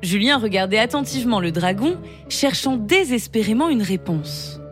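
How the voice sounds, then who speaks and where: A woman reading a children's story aloud in an expressive, lively way. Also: fairly high pitch, normal speed. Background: music.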